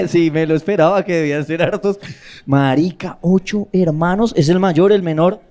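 A man's voice: fairly high pitch, normal speed, darkish tone. A man with a Colombian accent hosting a roast on a comedy club stage, teasing a comedian with crude slang and laughing often. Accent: Colombian Spanish. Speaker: roast host. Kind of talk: loose stage banter.

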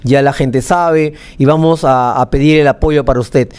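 Steady and smooth, his medium-pitched voice carries a darkish tone at a moderate pace. The young Peruvian-accented news anchor sits at a desk in a small TV studio, presenting live news and interviewing with emphasis and frequent repetition.

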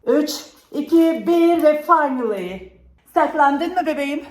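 A woman's voice: high-pitched, expressive, unhurried. A woman chatting casually to viewers as a vlog host, in a playful, teasing way. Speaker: vlog host and game player. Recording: roomy echo, faint background noise.

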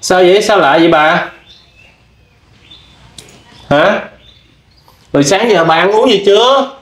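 A man hosting a video, gently questioning an older woman with many fillers. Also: high voice, expressive, takes it slowly, reverberant. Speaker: vlog host interviewing. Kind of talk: casual interview.

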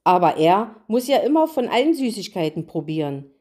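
A woman voicing a whiny, ever-freezing male snowman in a storybook reading, with a high wailing voice. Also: big pitch swings, moderate pace, warm tone. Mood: fretful.

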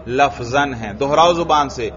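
A man's voice: medium pitch, unhurried, fairly bright tone, lo-fi sound. A man from Pakistan with a Pakistani Urdu accent, teaching a classroom grammar lecture and asking his students questions, then repeating their answers.

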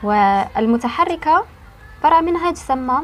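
A woman teaching an online language lesson, explaining slowly and patiently, stretching key words and pausing to think. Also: sits high, expressive, a little hiss or hum.

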